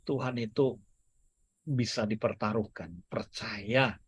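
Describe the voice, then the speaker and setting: A fairly low, husky male voice with fairly even intonation speaks slowly in this casual teaching sermon. The guest speaker chats and jokes with his audience and mixes in English, at a church service or an online meeting.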